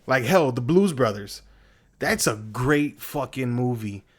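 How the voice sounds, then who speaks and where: Young man, podcast co-host, casual chat, profane, rambling, laughs a lot, middle pitch. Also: a little slow. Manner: profane, rambling, laughs often, excitable when retelling scenes.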